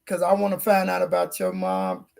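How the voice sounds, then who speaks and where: Woman, livestream host, hoarse, gravelly fry, casual chat. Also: on the low side, very animated, moderate pace, a little mellow. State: hoarse, losing her voice.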